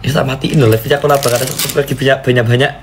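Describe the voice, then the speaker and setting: A man preaching and chatting on a live stream, playfully pleading and jumping into squeaky high cries, with a faint hiss behind him. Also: fairly even intonation, very fast. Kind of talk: casual live-stream chat.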